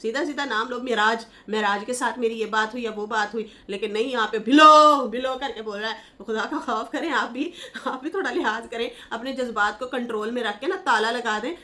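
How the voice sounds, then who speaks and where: A woman's voice: fairly high pitch, a little fast, few pauses, sharp tone. A woman giving casual commentary, reading viewer comments aloud in a chatty, scolding manner and laughing as she mocks. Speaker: YouTube commentator.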